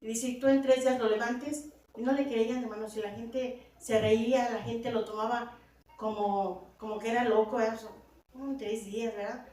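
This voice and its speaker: A woman preaches to her congregation with a somewhat high voice, turning to her listeners again and again and building to emphatic peaks. The church hall is very echoey, and she sounds distant from the microphone. A faint noise sits under the recording. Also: fairly even intonation, moderate pace, dark tone. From Latin America. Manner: repeats "hermanos" and "verdad" constantly, rising to emphatic peaks. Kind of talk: sermon.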